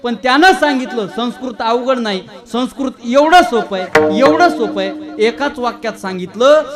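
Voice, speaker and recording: A man preaching a kirtan, telling funny stories in an animated, teasing way and quizzing his audience. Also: extremely high pitch, normal speed, a loud crowd. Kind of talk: humorous kirtan storytelling.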